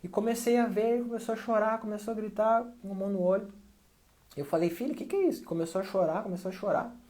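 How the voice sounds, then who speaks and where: Man from Brazil, warm low-key tone, chatty parenting advice, keeps checking the listener follows. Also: steady tone, quick pace. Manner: conversational, checks in with frequent tag questions. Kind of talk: direct-to-camera advice talk.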